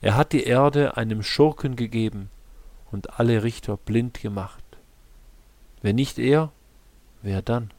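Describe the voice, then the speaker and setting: A man reading scripture aloud in a slow, measured, solemn way. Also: medium pitch, a little mellow, no echo. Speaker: scripture reader.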